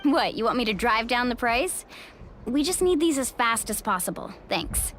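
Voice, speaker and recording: A woman's voice: a little high, big pitch swings, measured pace, fairly bright tone, faint music behind. A woman voicing a curt, businesslike young buyer in a video game. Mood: brisk.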